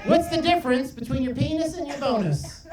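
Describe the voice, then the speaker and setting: A man's voice: extremely high pitch, fairly quick, far from the mic. A man doing a stand-up comedy set, chatty and riffing with the crowd. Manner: chatty, riffs with the crowd, lots of "right?". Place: comedy club stage, live audience. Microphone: handheld mic heard from a far camera. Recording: roomy club sound from afar, crowd.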